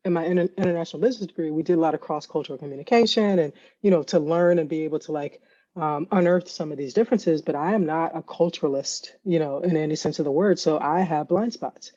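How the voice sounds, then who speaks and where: A woman guest, an AI ethicist, talking casually in an interview and telling lively stories, laughing often and acting out quotes. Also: deep voice, fast talker, highs cut off. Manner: animated storyteller, laughs often, acts out quotes.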